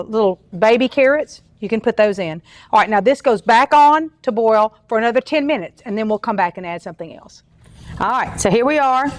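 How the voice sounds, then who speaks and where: A woman's voice: fairly high pitch, no echo. A middle-aged woman with a Southern American accent hosts a cooking show, talking in a homey, chatty way with frequent fillers and restarts. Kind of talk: casual cooking demonstration. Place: home-style kitchen studio.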